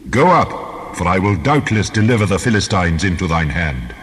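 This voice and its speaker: Male actor as almighty God for dramatized scripture; grave, deliberate commands, sweeping intonation, heavy cathedral-like reverb. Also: low-pitched, big pitch swings, fairly bright tone, a little hiss or hum. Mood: solemn command. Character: God speaking commands, solemn and mighty male deity. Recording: long cavernous reverb.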